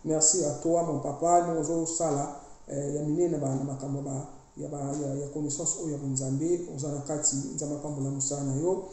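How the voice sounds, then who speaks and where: In a low, mellow voice with a steady tone and moderate pace, a woman preaches as a priestess to her online followers. Her spiritual exhortation is emphatic and insistent, she mixes languages freely, and the space is very echoey.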